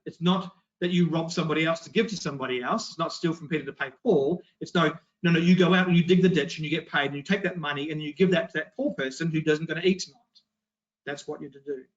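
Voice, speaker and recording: A man giving a Bible study talk, emphatic and fond of rhetorical questions. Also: on the high side. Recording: dull lo-fi recording.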